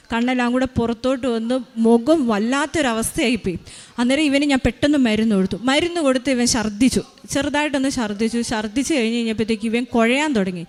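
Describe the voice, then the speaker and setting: A woman in her thirties gives a spoken faith testimony as a mother, earnestly retelling events with many hesitations. Her voice is on the high side.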